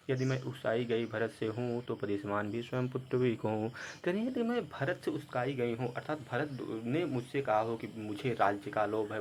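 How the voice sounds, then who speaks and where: A man's voice: mid-range voice, a little hiss or hum. Man explaining Hindi verse line by line. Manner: reads verse then paraphrases, word by word glosses. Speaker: teacher.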